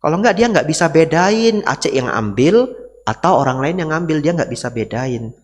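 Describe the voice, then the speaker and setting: A man's voice: a little high, expressive, normal speed. A man, a Buddhist monk, giving a dharma talk in a conversational way and often asking the audience rhetorical questions. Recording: reverberant hall.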